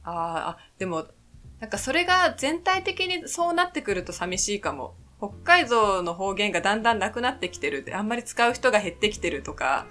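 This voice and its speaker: A woman from Hokkaido co-hosting a casual chat podcast, speaking calmly and thoughtfully with many soft nods of agreement. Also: mid-range voice, a little fast. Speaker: podcast co-host.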